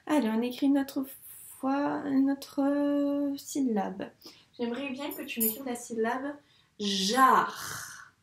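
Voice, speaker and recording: A woman teaching first grade, running a dictation lesson for young children and saying syllables slowly and clearly. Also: high-pitched, darkish tone. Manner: slow, clearly articulated syllables. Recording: echoey room.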